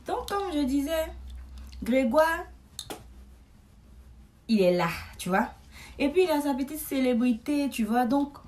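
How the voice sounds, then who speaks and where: A woman, telling a comic story to camera in a chatty, animated way, with frequent asides to her listeners. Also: high-pitched. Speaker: comedic storyteller.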